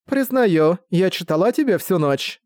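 Brief: man putting on a high, pleading, manipulative woman villain for an audiobook; persuasive and urgent. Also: lively intonation, unhurried, darkish tone, clear, resonant tone, no room sound, clean studio sound. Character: manipulative, desperate female villain, charming. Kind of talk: audiobook reading.

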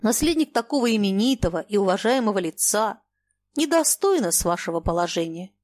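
A woman's voice: medium pitch, lively intonation, a little fast, a little mellow, no echo, lightly acted. A woman voicing a small, thin old retired captain who talks in a stiffly formal, fussy way. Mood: stern.

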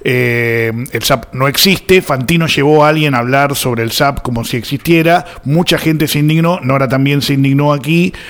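A man with an Argentine accent hosting a radio talk show, speaking casually with many pauses and fillers. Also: mid-range voice, a bit bright. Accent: Argentine Spanish. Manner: hesitant, repeats words and fillers. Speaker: radio host.

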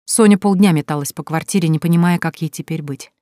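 A woman calmly narrating an audiobook. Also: low-pitched, fast talker, no echo, studio quality. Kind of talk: scripted narration.

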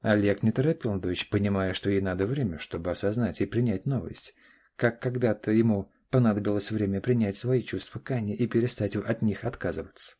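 A man reading an audiobook in a measured storytelling manner. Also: fairly low pitch, mellow, husky. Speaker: audiobook narrator. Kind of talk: scripted narration.

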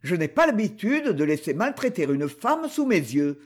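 A man reading the part of a composed army officer who speaks calmly and plainly. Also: sits high, moderate pace. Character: calm, decisive young army officer.

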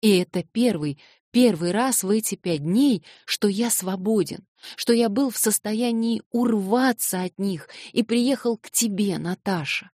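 A woman reading an audiobook and voicing an eager, flustered young man who excitedly protests his innocence. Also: mid-range voice, measured pace, no room sound, clean studio sound, pitched above the performer's own voice, lightly acted. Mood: excited pleading.

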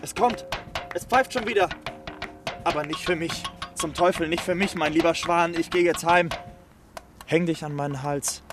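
An actor playing a weary, stubborn soldier back from war in a stage play, brooding with defiant outbursts. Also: male voice, on the high side, moderate pace, pauses often, music in the background, natural voice. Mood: fierce.

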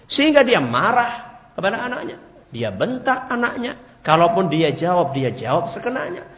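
Lively male teacher in an echoey hall. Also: a little high, a little hiss or hum. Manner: quizzes the audience with questions; animated storytelling. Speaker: religious teacher. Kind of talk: religious study lecture. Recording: echoey hall, dull lo-fi audio.

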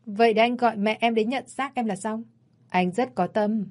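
A woman's voice: fairly high pitch, moderate pace, a little mellow, natural voice. A woman voicing a cold, cocky rich man in glasses, mocking and domineering, in a read-aloud story.

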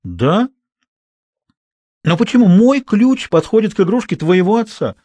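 A man voicing a feisty, fierce young girl with a shrill, indignant manner. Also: sing-song, extremely slow, dry recording, exaggerated voice. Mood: curious.

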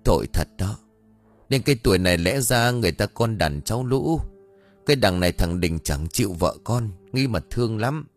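A man's voice: fairly low pitch, lively intonation, normal speed, faint music behind. A man voicing a village mourner who murmurs pitying gossip.

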